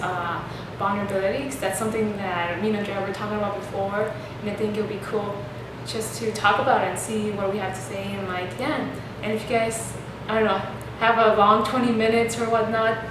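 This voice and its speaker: A young woman hosting a relaxed chat who rambles along, filling her talk with "like" and "um". Her voice comes from a distance in a strongly echoing room. A clear noise bed sits underneath. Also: medium pitch. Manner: rambling, many fillers like "like". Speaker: host. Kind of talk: casual chat. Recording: echoey room, distant mic, noisy.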